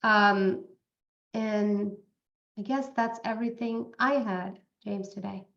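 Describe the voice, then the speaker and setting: A woman's voice: medium pitch, takes it slowly, gravelly, fairly bright tone, muffled recording. A woman speaking on a webinar over a video call, hesitant, with many fillers and restarts. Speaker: guest speaker. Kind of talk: webinar presentation.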